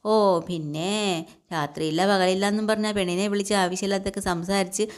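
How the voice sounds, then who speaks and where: A woman's voice: medium pitch, steady tone, fast, close to an everyday voice. Woman doing a cheeky teasing young man.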